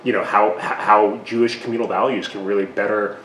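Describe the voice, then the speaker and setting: A man's voice: fairly low pitch, steady tone, brisk, fairly bright tone. Self-deprecating middle-aged man, roomy echo. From Taiwan. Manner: self-deprecating, frequent restarts and laughs. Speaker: guest. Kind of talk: casual interview. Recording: echoey room with faint noise.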